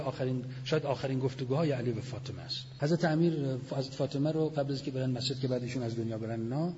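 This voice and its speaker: A man's voice: medium pitch, a little mellow. A man giving a religious lecture, retelling scenes with quoted dialogue and Arabic citations. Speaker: preacher. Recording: lo-fi recording with long hall reverb and faint noise.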